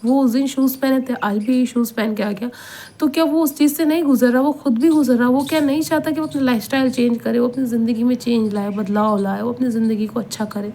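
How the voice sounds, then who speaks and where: A woman's voice: a little high, dark tone. A woman giving an Islamic motivational advice talk, earnest and repetitive, pleading with listeners and often checking they agree. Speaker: advice speaker.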